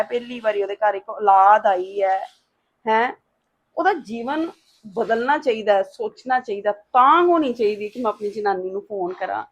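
A woman playing a worried, pleading mother in an emotional family drama. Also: a little high. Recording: dull lo-fi sound.

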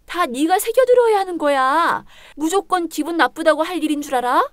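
A woman voicing a harsh, scornful older mother-in-law in a dramatized story reading, speaking in a sharp, belittling way. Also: very high voice, lively intonation, a little fast, no room sound, studio quality, voice pushed up. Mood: scolding.

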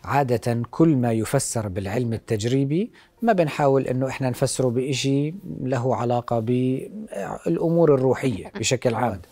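A man with a Levantine Arabic accent explains things as a medical expert. His voice is dark and relaxed at a medium pitch, and he talks fast. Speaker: doctor, expert guest. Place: TV studio. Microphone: lapel.

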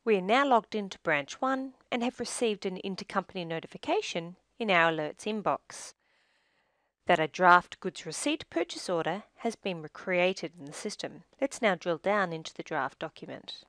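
A woman with a low-leaning, expressive voice reads scripted software tutorial narration in a measured, instructional way. It is a close-miked voice-over with no room sound.

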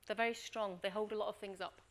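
Quick-paced and mid-range in pitch, a middle-aged leadership coach delivers a workshop talk with acted-out anecdotes. She's a lively storyteller who regularly checks in with her audience: "Okay?"

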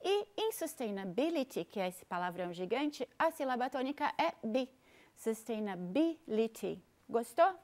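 Upbeat high-voiced Brazilian woman teaching. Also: very animated, normal speed, few pauses. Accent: Brazilian Portuguese. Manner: upbeat, explains step by step to viewers. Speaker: English teacher. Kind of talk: bilingual pronunciation lesson.

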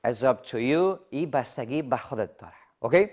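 A man's voice: medium pitch, animated, a little mellow. Man teaching English on TV. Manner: quizzes viewers with rhetorical questions; repeats and slowly spells out English examples. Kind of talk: TV English lesson in Dari.

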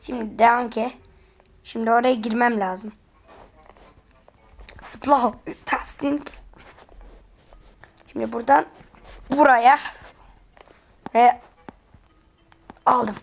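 A woman giving excitable let's-play commentary, often pleading and exclaiming while she plays. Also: a little high, takes it slowly, long pauses. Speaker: gamer.

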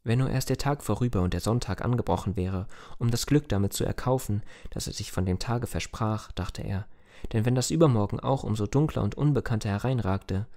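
A man giving a scripted audiobook narration in a calm, measured storytelling manner. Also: lowish voice.

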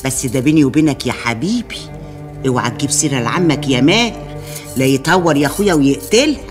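A woman's voice: a bass voice, lively intonation, fast talker, music in the background. An Egyptian actress playing a scheming middle-aged mother, coaxing and conspiring in an Egyptian accent as she urges her son on.

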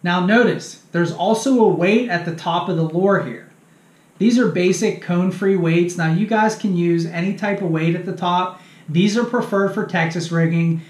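Man in his 30s, high, upbeat host talking to camera in an echoey home room. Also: normal speed, darkish tone. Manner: upbeat, chatty, addresses viewers as "you guys". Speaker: fishing channel host. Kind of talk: casual instructional video. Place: small cluttered home room.

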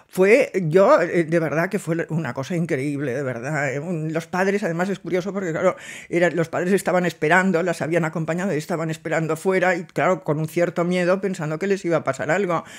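An older woman, telling a personal memory to camera in a chatty, digressive way and acting out the dialogue. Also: fairly low pitch. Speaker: host recounting a memory.

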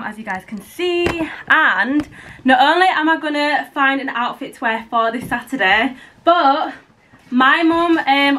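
Young female vlogger, slightly high voice, rambling, offhand chat to camera at home. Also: sharp tone, low-quality recording. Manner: chatty, rambling, fond of "like" and "blah, blah, blah". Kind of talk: casual vlog chat to camera. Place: at home indoors.

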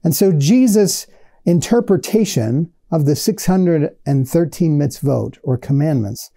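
Male pastor, 40s earnest teaching sermon, dark gravelly timbre, dry close sound. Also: fairly high pitch, unhurried, dry recording. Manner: earnest teaching tone, expressive hand gestures. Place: small studio set with shelves. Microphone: lapel mic.

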